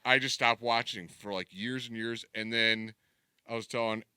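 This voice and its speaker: Bright, smooth-voiced man telling stories. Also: medium pitch, fairly even intonation, normal speed, no echo, clean studio sound. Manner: storytelling, emphatic, swears. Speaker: podcast panelist. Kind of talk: casual podcast chat.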